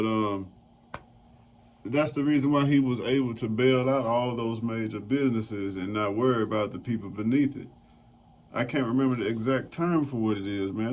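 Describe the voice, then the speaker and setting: A man's voice: mid-range voice, a little mellow. A man hosting a casual roundtable chat, loose and profane, rambling as he talks. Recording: dull lo-fi sound, faint noise.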